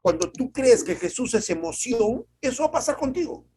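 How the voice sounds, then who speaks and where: Animated male pastor preaching over a call. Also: slight background noise. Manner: emphatic preaching with dramatic pauses and sudden swings in pitch. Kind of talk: sermon.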